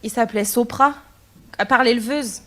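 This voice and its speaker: A woman's voice: on the high side, normal speed. A woman in the audience answering casually and telling a small personal anecdote. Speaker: audience member answering comedian. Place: audience of a live comedy show. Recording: noisy live show with loud audience.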